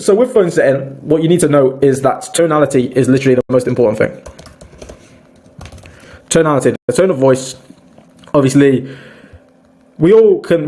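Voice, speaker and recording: This sales coach has a warm, medium-pitched voice and is giving an informal online training session. Addressing everyone as "boys," he frequently starts his sentences over.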